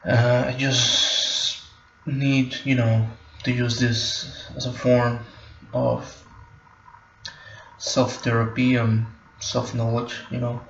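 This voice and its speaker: A vlogger whose first language is Spanish records a personal, reflective monologue to his camera, halting often with fillers and restarts as he gropes for words and circles back. His gravelly voice stays flat and in a narrow pitch band, sounding slightly bright. The audio is muffled and echoey, like a bare room at home, with a little background noise.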